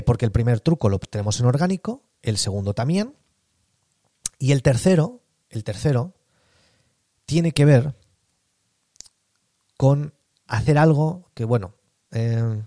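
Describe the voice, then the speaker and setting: A man's voice: mid-range voice, mellow, dry recording, studio quality. A man with a Spain Spanish accent, hosting a podcast sales lesson and stressing key points by repeating them. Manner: acts out sales calls in quick bursts. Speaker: sales coach host.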